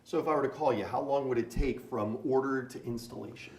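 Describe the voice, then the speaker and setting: A man's voice: medium pitch, a little fast. A man working as an interviewer, putting prepared questions in a promotional interview.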